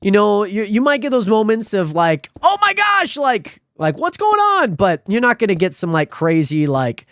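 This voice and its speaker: Twenties male streamer, rambling and friendly, high bright-sounding voice, dry close mic. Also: moderate pace, few pauses, dry recording. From Spokane, Washington. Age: 20s. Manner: rambling, friendly, animated with sudden high pitch jumps. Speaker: livestreamer. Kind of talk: casual stream chat reading viewer comments.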